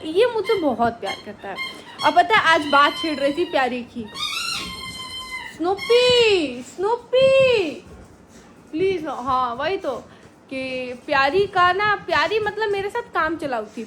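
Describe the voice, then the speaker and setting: A woman who runs an animal shelter, chatting casually to her viewers and speaking with care so she doesn't trip over her words. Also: high voice. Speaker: animal rescuer running a shelter. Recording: noisy phone recording with rain behind.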